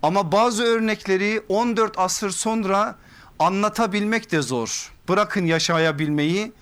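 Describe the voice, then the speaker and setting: Guy lecturing from a pulpit mic, earnest sermon style, fairly high voice for a man. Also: fairly bright tone, clear, resonant tone. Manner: earnest and measured, building to emphatic repetition. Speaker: preacher giving a religious lesson. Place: pulpit in a mosque or lecture hall. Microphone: pulpit microphone.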